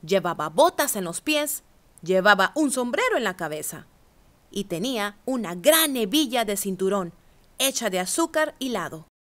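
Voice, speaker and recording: A woman reading a children's picture book aloud with expressive, animated storytelling. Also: mid-range voice, moderate pace.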